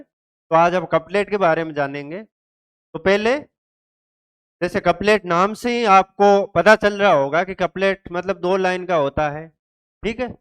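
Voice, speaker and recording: A man's voice: high-pitched, smooth. A man teaching an exam-prep literature lesson, who asks his students questions and then answers them himself, repeating the key terms.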